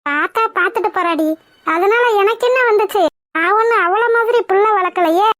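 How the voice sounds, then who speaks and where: A woman voicing a scornful, nagging middle-aged village gossip in a cartoon, with a shrill delivery. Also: a little fast, fairly bright tone, no echo, clean studio sound. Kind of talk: cartoon voice acting.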